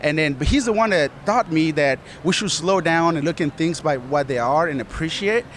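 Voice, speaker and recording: With faint outdoor sounds in the background, an earnest, driven Colombian man describes how he built an art business in a casual interview. He's a studio manager and business partner whose slightly raised, fairly bright voice stays animated at a moderate pace, and he keeps circling back to repeat what he's said.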